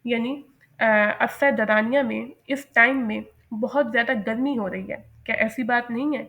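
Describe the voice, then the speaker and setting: A woman giving a lecture on English phrases, slowly spelling out each example sentence. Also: fairly high pitch, fairly bright tone, highs cut off. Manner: slow, careful enunciation of English example sentences. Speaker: English teacher.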